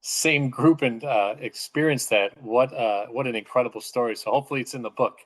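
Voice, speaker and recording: Male host, mid pitch, upbeat and chatty with fillers. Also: fairly quick, poor audio. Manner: enthusiastic, filler-heavy. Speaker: podcast host. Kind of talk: conversational podcast interview.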